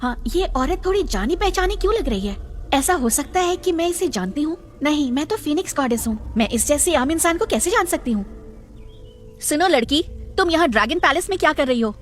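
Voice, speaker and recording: A woman's voice: sits high, animated, fairly quick, faint music behind. A woman voicing a jealous, cruel Phoenix goddess in a dubbed fantasy drama, arrogant and mocking. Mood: contemptuous. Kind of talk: Hindi dub of a fantasy drama.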